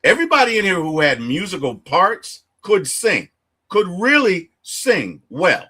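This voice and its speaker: A man hosting a casual movie review chat, retelling the plot with animated storytelling and acting out the characters' lines. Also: sits high, a little slow, breathy edge. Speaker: movie review podcast host.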